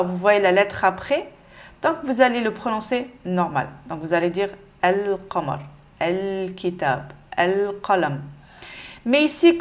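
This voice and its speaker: Une femme qui donne un cours de lecture avec patience, en répétant lentement chaque mot. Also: female voice, on the high side. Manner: patient, repeats each word slowly. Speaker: Arabic reading teacher. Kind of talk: step-by-step lesson.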